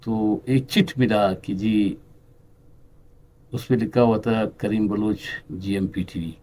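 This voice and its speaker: A middle-aged man from Balochistan, a writer and actor, telling anecdotes in an unhurried interview style with pauses, acting out other people's lines. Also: lowish voice, mellow. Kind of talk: relaxed interview storytelling.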